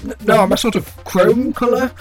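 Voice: mid-range voice, fairly quick, soft background music, lightly acted. A tabletop player voicing a frightened, defeatist corporal, stammering and pleading. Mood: fearful. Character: frightened, defeatist chrome-coloured corporal wanting surrender.

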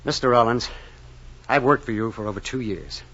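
Downtrodden manager, voiced by a man, husky, earnest and defensive, lo-fi old radio sound. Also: mid-range voice, moderate pace, fairly bright tone, natural voice. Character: put-upon loyal office manager. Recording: dull lo-fi old radio recording.

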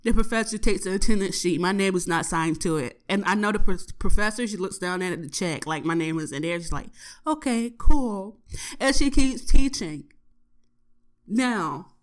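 A woman's voice: lowish voice, a little fast, few pauses. A young woman telling a story from her day in a casual, profane and exasperated way, with lots of swearing. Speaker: podcast host.

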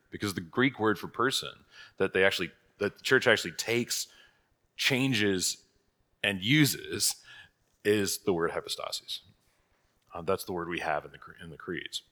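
A pastor leading a prayer and then teaching a catechism class in a conversational way, thinking aloud, heard with a cathedral-like echo. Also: male voice, lowish voice, fairly bright tone. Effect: cathedral-like echo, long hall reverb. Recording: long reverb in a large hall.

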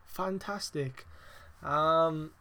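A man hosting a casual wrestling review podcast, rambling with lots of fillers, swearing heavily and getting excitable and emphatic. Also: on the high side, extremely slow. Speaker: podcast host.

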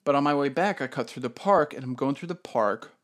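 A man co-hosting a casual chat, telling a story in an animated, profane way with bursts of laughter. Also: medium pitch, brisk. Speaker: podcast co-host.

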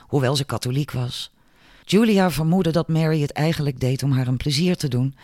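A man narrating an audiobook in a measured storytelling way. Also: a little high, no echo, studio quality. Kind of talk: scripted narration.

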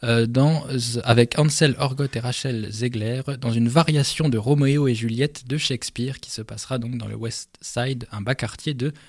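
A man's voice: mid-range voice, normal speed, few pauses, no echo. A man giving a radio film preview as the show's columnist, talking with enthusiasm and plenty of fillers and restarts.

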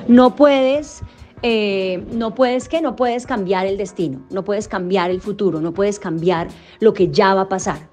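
A woman's voice: mid-range voice, a little mellow. A young adult woman from Colombia, a voice actor and singer, answering interview questions thoughtfully with frequent restarts and fillers.

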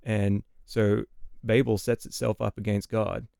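A man, a guest on a podcast, explaining scripture in a thoughtful, measured way, pausing and restarting as he works through his points. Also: on the low side, flat delivery, vocal fry, dark tone, smooth, dry recording, clean studio sound. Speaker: podcast guest, Bible teacher.

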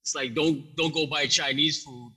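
A man with a fairly high, husky voice. His tone is sharp and edgy. He chats casually on a podcast, swearing freely, using heavy slang and laughing often. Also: fairly even intonation, normal speed, poor audio. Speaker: podcast co-host. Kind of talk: casual chat.

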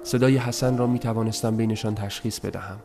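A man reading a story aloud in a soft, measured, somber voice, as scripted narration. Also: fairly low pitch, fairly even intonation. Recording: noisy recording.

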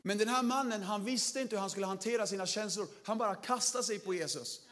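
A man preaching a lively sermon to a big gathering, energetic and playful, sometimes shouting to stir up the crowd. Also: high voice. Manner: energetic, shouts to rouse the audience, playful slang. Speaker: pastor.

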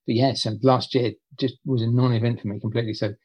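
A husky-voiced man speaks in a relaxed interview, often stopping to restart and repeat his words. His voice sits in a middle range and sounds close and dry. The audio is slightly dull and lo-fi. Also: mid-range voice, fast talker, no room sound. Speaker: poet interviewed as a guest. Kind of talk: conversational interview.

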